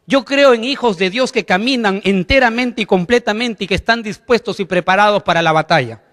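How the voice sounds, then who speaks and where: A man's voice: high-pitched, fairly bright tone, long reverb tail. A man preaching a sermon as pastor, emphatic, putting questions to the congregation.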